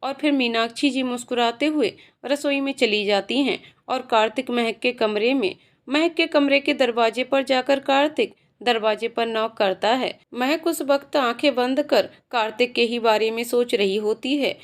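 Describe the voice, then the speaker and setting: A woman narrating a scripted family story in a steady, even storytelling manner. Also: a little high, moderate pace.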